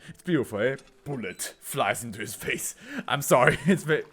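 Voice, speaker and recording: A man giving casual, joking, foul-mouthed reaction commentary on an animated show as host. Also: mid-range voice, normal speed, husky, soft background music. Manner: joking, foul-mouthed, riffing in mock voices.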